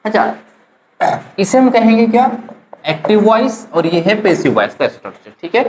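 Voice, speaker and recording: An Indian woman teaching English grammar to students, drilling sentence patterns slowly and often checking they follow along. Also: mid-range voice, sing-song, darkish tone, roomy sound, a little hiss or hum, low-quality recording. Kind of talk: classroom grammar lesson.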